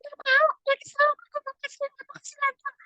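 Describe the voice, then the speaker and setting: A woman voicing an earnest little schoolgirl in a storytelling session for children, in a squeaky childlike voice. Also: completely flat delivery, fast talker, sharp tone, no echo, lo-fi sound. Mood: worried. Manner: earnest, chatty, talks to the young audience.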